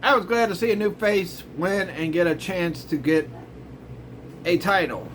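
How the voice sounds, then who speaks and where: A man's voice: sits high, unhurried, fairly bright tone, slight background noise. A middle-aged man hosting his own show, ranting in a grumbling, exasperated way with sarcastic asides. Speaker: host. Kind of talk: casual ranting commentary.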